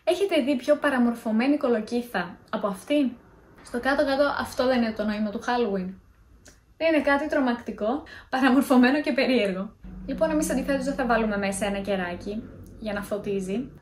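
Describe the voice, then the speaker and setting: A woman's voice: on the high side, darkish tone. Chatty young woman vlogging in an echoey room. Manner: chatty, self-mocking. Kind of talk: casual vlog, telling scary stories.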